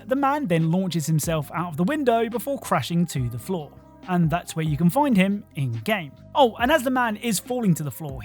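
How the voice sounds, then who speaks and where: A host narrating a scripted video game countdown with wry, joking asides. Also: medium pitch.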